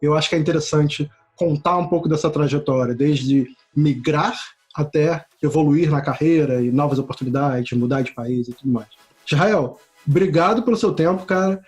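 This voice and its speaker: A man's voice: on the high side, moderate pace, a little mellow. Informal male interview host. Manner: friendly, informal, says "cara". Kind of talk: casual interview hosting.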